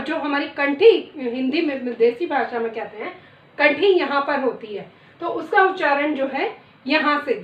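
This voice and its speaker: A middle-aged woman teaching a lesson, reciting letters one by one in a deliberate way. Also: high voice. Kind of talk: classroom lesson. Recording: echoey room, distant dull mic.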